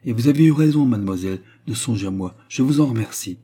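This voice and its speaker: A man's voice: medium pitch, lively intonation, quick pace, dark tone, husky. A man playing a kindly young workshop owner. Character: kind, good-hearted young workshop owner.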